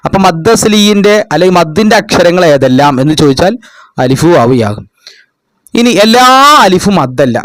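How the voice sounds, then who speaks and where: Man, tutor, revision lesson, patient, asks and answers his own questions, fairly high voice, dry close sound. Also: no room sound. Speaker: madrasa tutor.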